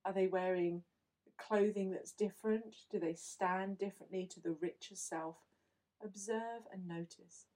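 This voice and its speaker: A woman leading a guided visualization in a slow, soothing, instructive way. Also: lowish voice, warm tone, rough recording. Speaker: meditation guide.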